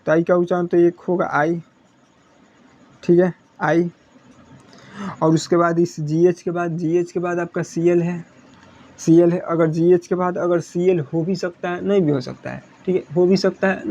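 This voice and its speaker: A man's voice: sits high, darkish tone, muffled recording. A young man teaching a lesson, explaining step by step, repeating points and often checking that students follow. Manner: repetitive, checking understanding with "thik hai". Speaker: English teacher. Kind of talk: whiteboard lesson in Hindi.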